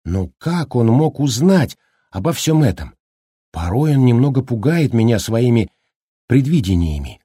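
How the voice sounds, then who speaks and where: A man voicing an earnest, protective young wife in an audiobook, lifting his voice higher. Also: sing-song, unhurried, warm tone, breathy edge, no echo. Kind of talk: audiobook character reading.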